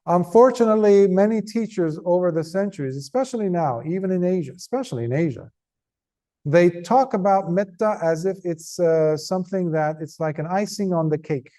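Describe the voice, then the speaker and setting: A man, a Buddhist monk, giving an earnest, conversational Dhamma talk to a group, tired, with emphatic stresses and pauses. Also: high voice, expressive, warm tone.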